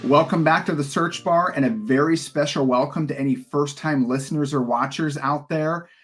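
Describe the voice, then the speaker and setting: A man's voice: fairly high pitch, moderate pace, over music. A man hosting a marketing podcast, upbeat and friendly, reading his opening and asking guests questions. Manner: upbeat, friendly host patter. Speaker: podcast host. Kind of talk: scripted podcast intro and interviewing.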